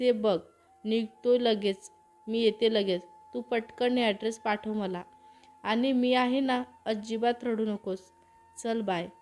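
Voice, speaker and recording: A fairly high-voiced woman tells a romantic story, carrying the dialogue of every character herself. She gives the lines feeling without changing voices, and faint music plays under her narration. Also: darkish tone.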